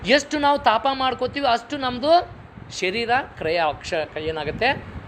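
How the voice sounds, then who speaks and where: A middle-aged man with a North Karnataka Kannada accent giving a public moral lecture, full of lively rhetorical questions and folksy home anecdotes. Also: very high voice, measured pace, noisy background.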